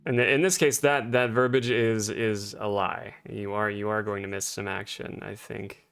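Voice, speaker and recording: A man's voice: on the low side, flat delivery, moderate pace, creaky, fairly bright tone, clear, resonant tone. A man streaming a game with casual live chat, in a playful, jokey manner.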